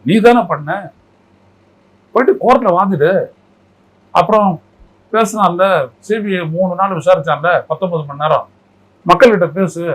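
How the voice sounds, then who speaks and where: A political commentator speaks in a heated interview, his voice sitting a little high for a man. He is combative and scolding, throwing one rhetorical question after another and mocking the person he is talking about. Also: normal speed, pauses often, poor audio.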